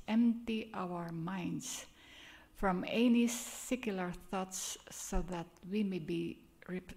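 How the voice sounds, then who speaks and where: An older woman from the Philippines, speaking with a Filipino accent, is a guest speaker leading a prayer and preaching a church sermon. Her manner is earnest and chatty, and she laughs at herself. Her voice is on the low side, gravelly and a little mellow.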